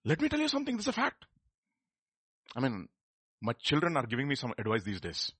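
Animated Indian preacher with a bright, husky voice. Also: male voice, medium pitch, fairly quick, dry recording. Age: middle-aged. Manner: conversational, questioning, repeats phrases for emphasis. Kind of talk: animated sermon.

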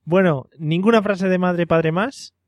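A man's voice: sits high, a little slow, dry recording. Casting: male podcast host, teasing, keeps things moving, dry close sound. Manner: teasing, steers the topics. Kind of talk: casual chat.

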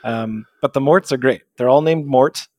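A man's voice: mid-range voice, moderate pace, a little mellow, dry recording. A man co-hosting a casual gaming podcast, dry and teasing, often laughing. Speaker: podcast co-host. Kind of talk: casual chat.

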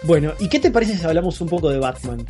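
Co-host, mellow tone, lively swooping delivery, stumbles and fills a lot, faint music behind. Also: mid-range voice, fast talker. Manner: animated, hesitant with many fillers, incredulous. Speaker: podcast co-host. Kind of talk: casual podcast banter.

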